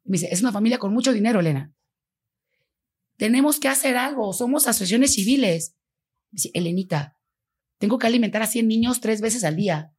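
A Mexican woman, a foundation founder, telling a story in an interview and acting out the dialogue with lively voices. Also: fairly high pitch, a little fast, long pauses, husky. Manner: animated, acts out quoted dialogue.

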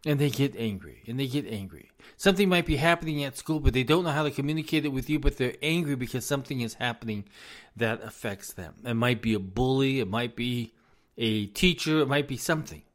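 With a medium pitch and an animated, slightly quick pace, a man talks to parents about parenting. He's sincere and informal, circles back to the same points for emphasis, and sounds like he's going hoarse.

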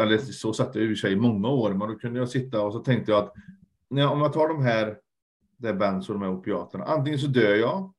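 A man speaking as a guest in a candid conversation, earnest and reflective, often trailing off and repeating words. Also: mid-range voice. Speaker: podcast guest, lecturer.

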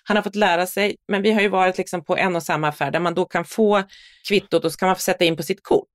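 A middle-aged woman co-hosting a podcast, chatting casually and telling animated stories full of acted-out dialogue. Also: fairly low pitch, no room sound, clean studio sound. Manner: animated storyteller, acts out quoted dialogue. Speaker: podcast co-host. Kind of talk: casual chat. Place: podcast studio.

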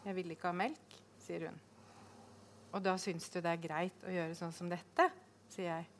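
A woman reads aloud from her own novel in a slightly low voice. Her delivery is measured and deliberate, but it rises sharply when the characters shout. A faint background hiss sits under the recording. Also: little pitch movement. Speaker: author reading from her novel. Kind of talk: literary reading.

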